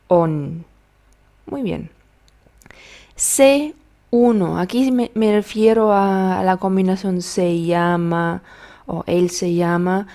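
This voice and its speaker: Female teacher, low mellow voice, slow patient drilling for beginners. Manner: slow, patient drilling of words, modeling pronunciation. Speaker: language teacher. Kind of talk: video language lesson.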